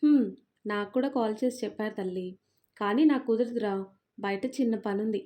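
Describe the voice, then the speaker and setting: A gentle father in middle age who dotes on his daughter and coaxes her along in a soft voice, as a woman puts him on. The tone is warm and mellow, a storybook telling. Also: fairly high pitch, fairly quick, natural voice. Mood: tender. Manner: soft and coaxing. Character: doting middle-aged father, gentle and indulgent.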